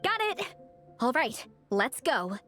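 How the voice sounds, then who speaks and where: Gung-ho young club captain, very high and lively, quiet music behind; game cast. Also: female voice, slow pace, heavily acted. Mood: eager. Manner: enthusiastic, earnest. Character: eager young woman leading a fan club. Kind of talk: game dialogue.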